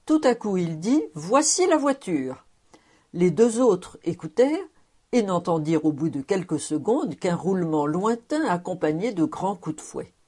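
A woman reading a classic novel aloud as narrator, measured and expressive. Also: fairly low pitch, husky. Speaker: audiobook reader.

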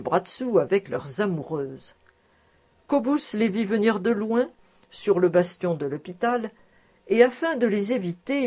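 A woman narrating a classic novel aloud, clear and measured in her storytelling. Her voice sits at a middling pitch for a woman and stays steady through the prose. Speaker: audiobook narrator. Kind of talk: scripted literary narration.

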